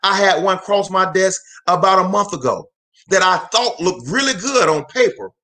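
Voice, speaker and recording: A man's voice: high voice, expressive, moderate pace, sharp tone. A man in his forties giving a fervent live motivational talk in a preacher-like cadence, repeating phrases for emphasis and calling out to viewers. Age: 40s. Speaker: motivational speaker and host.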